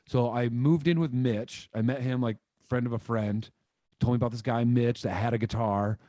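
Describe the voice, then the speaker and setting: In a relaxed interview over a video call, a musician in his thirties from Michigan, USA, rambles animatedly through his stories with plenty of "like" fillers and gestures. He speaks at a medium pitch and normal speed. A boom-arm studio mic in a room at his home picks him up with no room sound.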